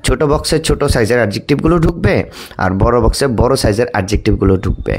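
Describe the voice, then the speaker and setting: A man's voice: mid-range voice, quick pace, husky. A man teaching English grammar, often asking and answering his own questions and stretching out example words as he spells and repeats them. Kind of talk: explanatory lesson.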